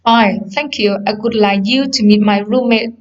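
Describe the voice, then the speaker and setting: A woman reading the part of a friendly young male university student in a scripted textbook dialogue, slow and careful. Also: mid-range voice, fairly even intonation, slight background noise, close to an everyday voice. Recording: slightly dull lo-fi course audio.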